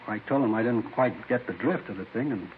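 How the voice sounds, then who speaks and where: A man plays an uneasy, down-on-his-luck informant in vintage radio drama acting, speaking in a halting, earnest, medium-pitched voice close to his everyday one. The recording is tinny, with audible hiss.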